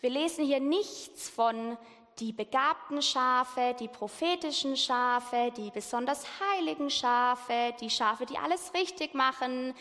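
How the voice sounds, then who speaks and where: A woman preaching a sermon slowly and deliberately, asking the congregation questions. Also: sits high, sharp tone. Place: church hall. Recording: reverberant church hall.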